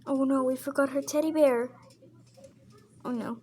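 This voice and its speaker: High-voiced woman chatting through a game role-play. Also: steady tone, normal speed, darkish tone, a little hiss or hum. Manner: chatty, stops to narrate what her character does. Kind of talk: casual game role-play with narrated actions.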